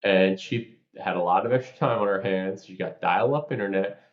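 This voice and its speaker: A man from New York co-hosting a podcast, explaining ideas through lively stories and examples. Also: low-pitched, normal speed. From New York, USA. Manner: animated storyteller, explains with examples. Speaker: podcast co-host. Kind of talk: casual podcast chat. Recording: roomy, slightly dull sound.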